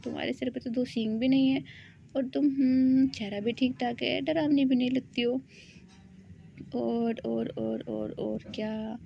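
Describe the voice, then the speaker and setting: Storybook romance role: woman doing an affectionate young woman, teasing, fairly high, gravelly voice. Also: steady tone, unhurried, highs cut off, slight background noise. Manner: teasing, sweet and reassuring.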